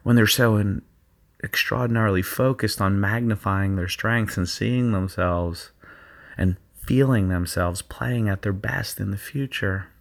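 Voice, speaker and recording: Low gravelly man guiding a visualization. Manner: slow, soothing hypnotic cadence with repetition. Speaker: sports performance coach. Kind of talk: guided visualization recording.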